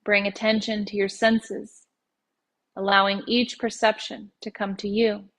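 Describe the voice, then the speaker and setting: A woman leading a guided meditation as a yoga nidra teacher, speaking in slow, unhurried phrases with gentle pauses. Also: medium pitch, little pitch movement.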